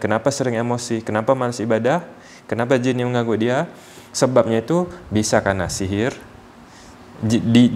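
A man working as a ruqyah healer, calmly explaining to a patient and acting out short quotes as examples. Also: mid-range voice.

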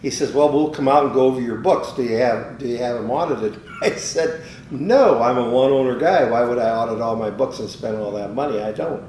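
An older man, an interviewee who owns a business, tells rambling stories casually in a fairly quick, darkish voice, acting out quoted dialogue. The sound is roomy, from a distant mic with a faint rumble.

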